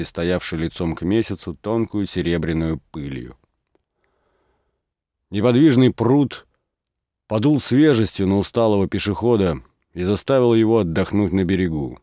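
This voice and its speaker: A man reading a classic story aloud in measured audiobook narration. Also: on the low side, a little mellow, no echo, clean studio sound.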